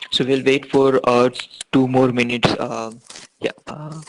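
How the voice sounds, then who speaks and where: A man's voice: medium pitch, fairly even intonation, measured pace, slight background noise, poor audio. A man teaching an online class over a video call, answering questions with many fillers and restarts. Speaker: instructor.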